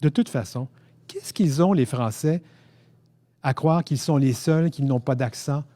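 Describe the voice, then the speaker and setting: A man from Quebec with a Québécois French accent, reading his own first-person story aloud at a book fair in a lively, self-mocking, theatrical way. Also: a little high, unhurried, dry recording. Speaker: author reading his novel.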